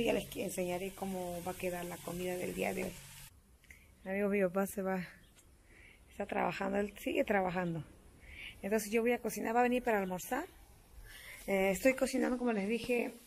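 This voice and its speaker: A woman's voice: mid-range voice, vocal fry, darkish tone, slight background noise. A woman with a Peruvian accent, chatting homily to her viewers while cooking in a farmhouse kitchen. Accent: Peruvian Spanish. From Peru. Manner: chatty, homey, keeps addressing viewers as friends. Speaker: vlogger. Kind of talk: casual cooking vlog chat. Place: family home kitchen on a farm.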